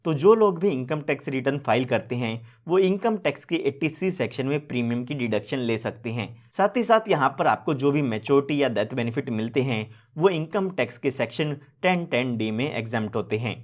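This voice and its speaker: A man explaining an insurance plan step by step in a steady, methodical way. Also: medium pitch, brisk, few pauses. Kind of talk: informational video explainer.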